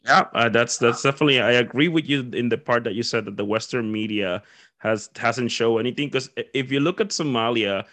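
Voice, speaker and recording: A man's voice: medium pitch, a little fast, a bit bright. A man hosting an interview, asking questions in a chatty, rambling way. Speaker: interview host. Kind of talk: casual interview chat.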